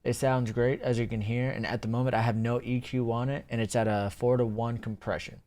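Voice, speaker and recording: A man giving a relaxed, step-by-step review of a streaming microphone at his desk, speaking about three inches from a dynamic mic. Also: medium pitch, fairly quick, no room sound. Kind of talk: casual product review. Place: desk streaming setup, indoors. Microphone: studio dynamic mic about three inches away.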